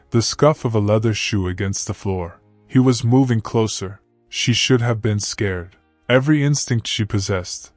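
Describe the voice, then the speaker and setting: A man narrating a romance story in a slow, dramatic, lingering delivery. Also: fairly low pitch, dry recording.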